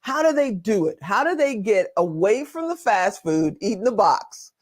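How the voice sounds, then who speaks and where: A man's voice: high voice, sing-song, normal speed. A man hosting an interview, asking long, chatty questions and joking along the way. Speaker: interviewer, host. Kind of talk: casual interview chat.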